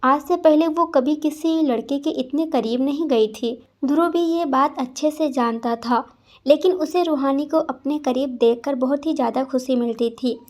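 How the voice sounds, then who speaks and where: A woman narrating a story in a steady, scripted reading voice. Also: high voice, normal speed. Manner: reads all roles in one steady voice.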